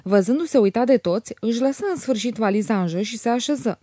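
A woman narrating a classic novel as an audiobook, in a measured, even reading on a close mic. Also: on the high side, dry recording.

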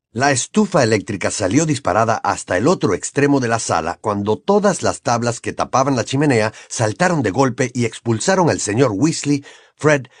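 Expressive male audiobook narrator. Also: medium pitch, no room sound, studio quality. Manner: expressive, jumps into character voices. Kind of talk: scripted narration.

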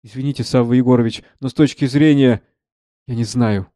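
A man's voice: mid-range voice, fairly even intonation, a little fast, mellow, no room sound, studio quality, natural voice. A man reading the part of a flustered, fearful philosopher who stammers and then cries out. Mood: desperate.

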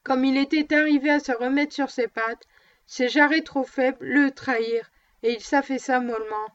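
A woman reading a novel aloud in a steady, even narration. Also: high-pitched, moderate pace, no room sound, lo-fi sound. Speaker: audiobook reader.

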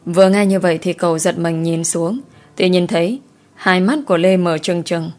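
A woman storyteller reads a ghost story in a steady, measured way. Her voice sits on the low side, and faint music plays underneath. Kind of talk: scripted narration of a ghost story.

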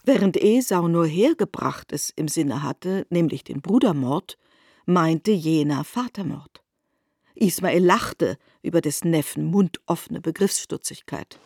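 A narrator giving a grave, deliberate reading of a literary text for radio. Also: mid-range voice, animated, vocal fry, a little mellow, husky, no room sound, clean studio sound.

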